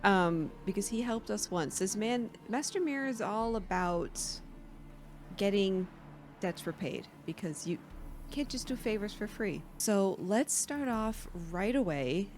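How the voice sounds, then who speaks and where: A woman streamer giving excitable, chatty gameplay commentary. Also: on the low side, a little hiss or hum. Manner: excitable, chatty, laughs often.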